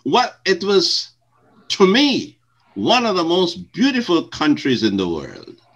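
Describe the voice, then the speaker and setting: Older male pastor from Guyana, interview guest, formal and unhurried, voice rises and falls a lot. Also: sits high, huge pitch swings, creaky, husky, dull audio. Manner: slow, measured, formal phrasing with soft laughs.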